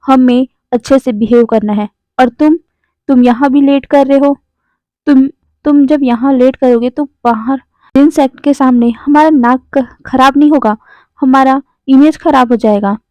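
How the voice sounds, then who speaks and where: A short-tempered young man who scolds and snaps, played by a woman narrator. The voice sits high, and the recording is dry and dull. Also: fairly even intonation, moderate pace, warm tone, dry recording, close to an everyday voice. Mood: scolding.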